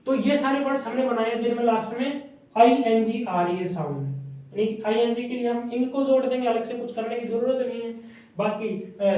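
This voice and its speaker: A man teaching a shorthand lesson at a whiteboard, drilling words by repeating them slowly. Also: extremely high pitch, warm tone. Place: classroom with whiteboard. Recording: very echoey room, mic far off.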